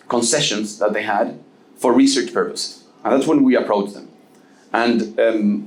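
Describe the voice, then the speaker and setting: A man's voice: mid-range voice, a little mellow. A man on a panel for a lake conservation nonprofit, answering an audience question in an explanatory way, with restarts and frequent "okay?" check-ins. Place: event room at a live panel. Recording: echoey room.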